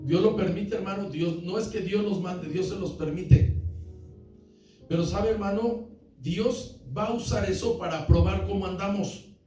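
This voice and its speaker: A man's voice: high voice, unhurried, dark tone, faint music behind. A man pastor preaching a sermon, often calling listeners brother and asking the congregation questions. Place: church hall. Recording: echoey church hall, from far off.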